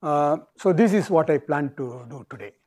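A man with a South Indian accent giving an academic physics lecture in halting phrases with pauses. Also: on the high side, a little mellow.

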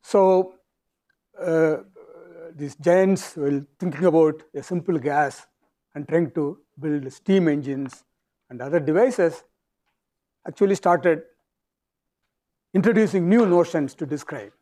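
A man with a South Indian accent speaks as a university lecturer. His voice sits a little high for a man, and he delivers the material in halting phrases, pausing as he goes. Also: mellow. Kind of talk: academic lecture.

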